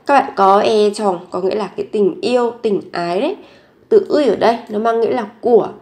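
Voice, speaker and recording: A woman teaching a vocabulary lesson, repeating each word three times and then explaining pronunciation slowly and carefully. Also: mid-range voice, a little mellow. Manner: slow, careful pronunciation drills. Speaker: Korean language teacher.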